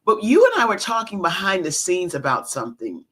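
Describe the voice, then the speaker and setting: Woman, co-host, excited chat, nearly losing her voice, gushing. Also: lowish voice, a little fast.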